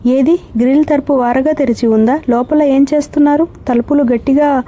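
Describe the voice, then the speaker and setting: A woman's voice: high-pitched, fairly even intonation, fairly quick, highs cut off, natural voice. A woman voicing a suspicious, commanding wealthy wife who grows frantic. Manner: sharp, commanding, then frantic. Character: anxious suspicious wealthy wife, middle-aged.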